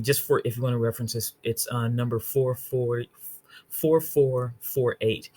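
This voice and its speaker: A woman with a bass voice, a bit mellow with a breathy edge, teaches Bible study online in an informal, earnest way. She restarts her phrases, checks in with "okay?" often, and reads the scripture aloud slowly.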